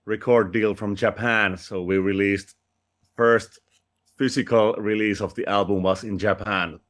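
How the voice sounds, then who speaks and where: This musician from Finland, whose native tongue is Finnish, chats in accented English during a relaxed, friendly interview full of restarts and soft laughter. He has a lowish, steady voice, fairly bright, at a measured pace.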